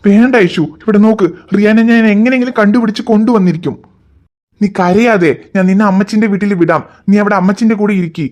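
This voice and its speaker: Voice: medium pitch, fast talker, darkish tone, muffled recording, lightly acted. A voice actor playing a worried husband in a cartoon, firmly reassuring his wife. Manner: reassuring, firm.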